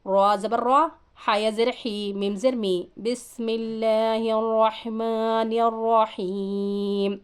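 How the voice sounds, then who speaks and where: Slow, clear-voiced woman teaching recitation. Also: mid-range voice, fairly even intonation. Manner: spells out letters and vowel marks, then recites the joined words in a drawn-out chant; patient, explanatory teaching tone between recitations. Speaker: Quran reading teacher. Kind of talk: slow syllable-by-syllable recitation lesson.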